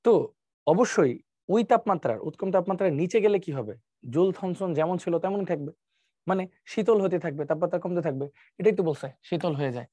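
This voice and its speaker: A man's voice: high voice, lively intonation, fast talker, dark tone, no room sound. A male chemistry teacher, giving an exam-prep lecture and explaining step by step by asking and answering his own questions, with English terms mixed in. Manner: mixes English terms into colloquial Bengali.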